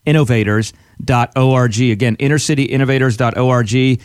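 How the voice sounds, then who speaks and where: A man's voice: mid-range voice, fairly even intonation, fairly quick, darkish tone, no room sound, clean studio sound. A man hosting a radio interview show, talking conversationally in an earnest, motivational way with rhetorical check-ins.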